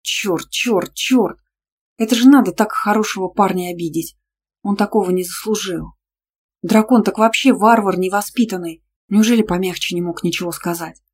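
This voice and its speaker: A woman's voice: mid-range voice, normal speed, husky. Woman reading a romance audiobook in first person, punchy and indignant. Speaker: audiobook narrator. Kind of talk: first-person novel narration.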